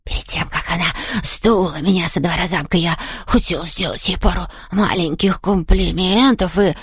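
A woman voicing a mischievous male ghost who wails slowly and drawls, in an audiobook. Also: on the low side, steady tone, slightly rough, dry recording, studio quality. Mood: teasing, sly. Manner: slow, drawn-out wailing voice. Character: mischievous playful male ghost, boastful yet bashful. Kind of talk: audiobook character voice.

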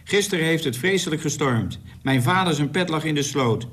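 A plain, matter-of-fact soldier reads out a comrade's letter , voiced by a man. The delivery is dry and lively in pitch, a bit above the usual male range. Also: moderate pace. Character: bespectacled male soldier reading a letter aloud.

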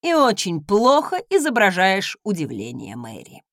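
A woman's voice: medium pitch, wildly swooping pitch, moderate pace, dry recording, studio quality. A woman voicing a smug, teasing husband in an audiobook, speaking with a purring, mocking smirk. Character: smug teasing husband, adult man, magic-dabbling noble. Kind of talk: audiobook character reading.

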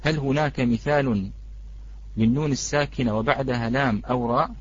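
A man teaching a live online recitation lesson. He greets the students in the chat and draws out each example word slowly. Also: mid-range voice, muffled recording, slight background noise.

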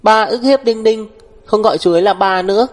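A man voicing a small, stubborn child in a storybook reading, with a high whining voice. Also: a little fast, natural voice. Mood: pouty.

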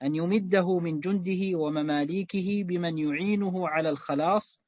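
Male reader, formal and measured; high voice, dry dull recording. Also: fairly even intonation, no room sound. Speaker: student reading the text aloud. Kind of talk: formal reading aloud of a classical text.

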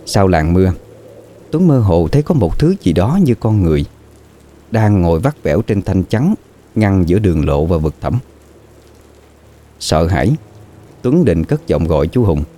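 A man narrating a scripted horror story in a slow, dramatic, suspenseful way. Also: sits low, big pitch swings, warm tone.

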